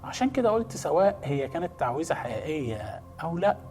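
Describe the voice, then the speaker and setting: An Egyptian man narrates a first-person horror story with brisk suspense. He keeps a quick pace in a slightly high voice. Faint music runs under him. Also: very animated, a little mellow. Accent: Egyptian Arabic. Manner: brisk, suspenseful, addresses the listener directly.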